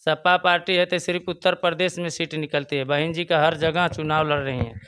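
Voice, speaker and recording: A man's voice: on the high side, fairly even intonation, brisk, sharp tone, a little hiss or hum. A man with a Bhojpuri-tinged eastern Uttar Pradesh accent, a local party booth president giving his earnest views in an interview and repeating his points. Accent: Bhojpuri-tinged Hindi of eastern Uttar Pradesh. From Chandauli, Uttar Pradesh. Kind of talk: casual political opinion interview.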